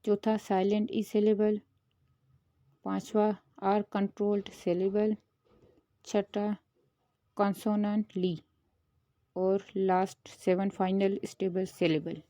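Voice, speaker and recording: A woman, the host of her own channel, who explains a grammar lesson in a steady, patient way and mixes English terms into her Hindi. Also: medium pitch, slow pace, pauses often, dry recording. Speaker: teacher.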